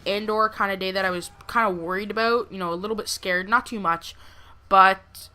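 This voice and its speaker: Young adult woman, bright forward voice, casual vlog storytelling, rambling, lots of filler words. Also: medium pitch, steady tone, a little fast. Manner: rambling, frequent "like" and "you know". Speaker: gameplay video creator. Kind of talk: casual storytelling over gameplay.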